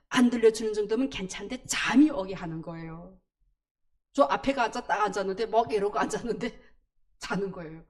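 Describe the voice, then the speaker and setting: A woman telling her conversion story in church, in an animated storytelling way with sound words. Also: mid-range voice. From North Korea. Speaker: church testimony speaker. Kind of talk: personal testimony in church.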